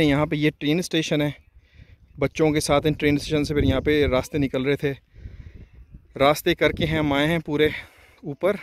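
A man chats his way through a travel vlog, pointing out sights to his viewers. His voice sits a little higher than usual for a man. He is recorded outdoors on camera, with clear background noise under him. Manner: chatty, points out the views to viewers. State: short of breath while hiking. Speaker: travel vlogger. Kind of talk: casual travel vlog narration. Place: outdoors on a mountain, then a hilltop restaurant.

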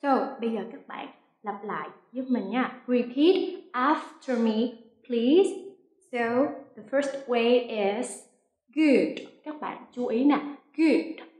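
A woman from Vietnam teaching an online English lesson, sounding out drills slowly and clearly and praising her learners. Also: fairly high pitch, a little mellow. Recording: echoey room.

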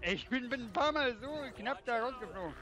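A man's voice: very high voice, lively intonation, a little fast. A man chatting casually while playing a video game, joking and swearing in banter. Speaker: gamer playing co-op. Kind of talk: casual let's-play chat. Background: game music.

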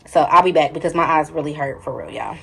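A woman's voice: sits low, quick pace, creaky, very noisy. A woman vlogging at home at night, sore and near tears, talking straight to her viewers in distress. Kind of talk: casual vlog talk to camera.

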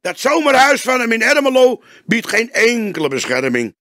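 A man voicing an agitated young male police detective who argues in a high, urgent voice. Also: very animated, moderate pace, pushed and bright, no echo, studio quality, full character voice. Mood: heated.

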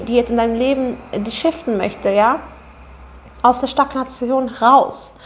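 A woman giving a spontaneous tarot reading, speaking earnestly and directly to the viewer with many fillers and restarts. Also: a little high. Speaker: tarot reader.

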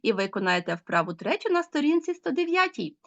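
A woman's voice: sits high, very animated, fairly quick, lo-fi sound. A woman teacher giving a recorded language lesson to schoolchildren, patiently explaining and asking them questions. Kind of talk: online language lesson for children.

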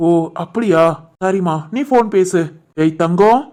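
A woman voicing a caring, gentle but firm father in an animated family drama, with a calm, reassuring manner and a Tirunelveli Tamil accent. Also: lowish voice, unhurried, close to an everyday voice.

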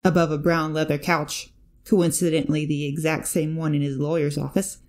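A woman narrating a fanfic audiobook in a steady, even reading voice. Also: sits low, moderate pace. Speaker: fanfic reader.

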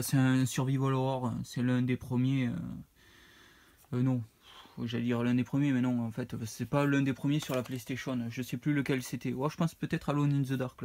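A man's voice: mid-range voice, darkish tone. A man, casually showing off his retro game purchases, rambling and hesitant as he reads out prices. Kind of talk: casual unboxing vlog.

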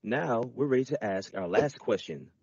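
A man's voice: mid-range voice, lively intonation, moderate pace, a little mellow, no room sound, highs cut off. A man giving patient, scripted narration in an educational reading lesson. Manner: patient, instructive.

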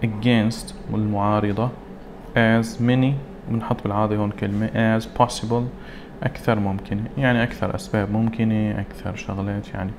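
Low-voiced man teaching English vocabulary. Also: little pitch movement, noisy background. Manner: reads English words slowly, then translates them. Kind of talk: recorded classroom lesson.

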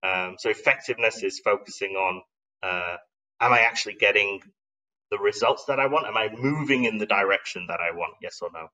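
A middle-aged man presents a live online slide talk, his voice on the low side and a little fast with a sharp tone. He explains things conversationally, thoughtful and emphatic, often asking rhetorical questions. The mic is distant and the recording rough.

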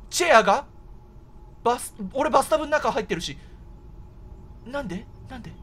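A man giving excited horror game commentary, exclaiming in a startled way and often repeating his words. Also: very high-pitched, a little fast, slightly rough. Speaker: gameplay commentator.

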